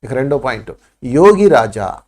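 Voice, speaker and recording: A man's voice: medium pitch, big pitch swings, moderate pace, a little mellow. A man with a Telugu accent giving a spiritual talk, acting out pleading voices to make his points. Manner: preachy, acts out pleading voices. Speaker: spiritual teacher.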